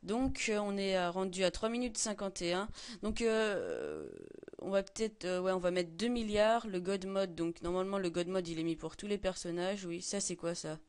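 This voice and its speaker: A man's voice: high-pitched, expressive, normal speed, smooth. A teenage boy walking through a game mod tutorial, hesitant and full of fillers and self-corrections. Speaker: gaming tutorial maker. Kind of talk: screen-recorded tutorial.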